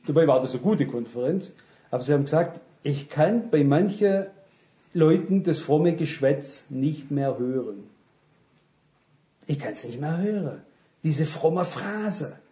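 A man preaching a sermon, switching between emphatic stress and quiet, hushed remarks. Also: fairly high pitch.

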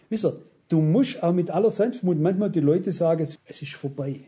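A man's voice: high voice, mellow. A man preaching a blunt, emphatic sermon, often asking his listeners rhetorical questions and citing scripture. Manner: quotes scripture references. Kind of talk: sermon to a congregation.

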